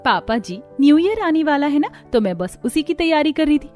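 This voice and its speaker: In Hindi cartoon story dialogue with music underneath, this woman plays the same caring young daughter-in-law, a housewife keen to explain herself politely and earnestly. Her high voice has a sing-song, brisk quality and a darkish tone.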